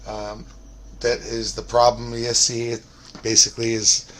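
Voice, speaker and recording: A man hosting a hobby channel, talking casually in a scratchy voice that is still recovering, rambling and halting with many fillers at his workbench. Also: mid-range voice, completely flat delivery, a bit bright. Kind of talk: casual vlog talk. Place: workshop at a workbench.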